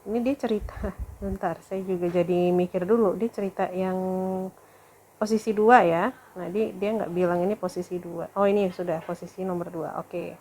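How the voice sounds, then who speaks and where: Woman lecturer going over a lesson, thinks out loud, lots of ums, bit of hiss behind. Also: fairly low pitch, steady tone, moderate pace. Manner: thinks aloud, with fillers and self-corrections. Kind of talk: recorded lecture clarification.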